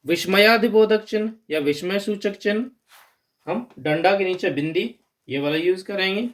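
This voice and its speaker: High-voiced man teaching grammar. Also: moderate pace. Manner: explains step by step, stressing key terms. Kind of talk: exam-prep grammar lesson.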